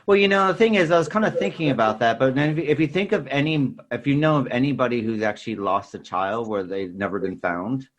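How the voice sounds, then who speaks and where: This podcast host speaks at medium pitch, quickly and with few pauses, over lo-fi sound. Discussing films, he rambles in a relaxed way and leans on fillers like "you know" and "sort of thing."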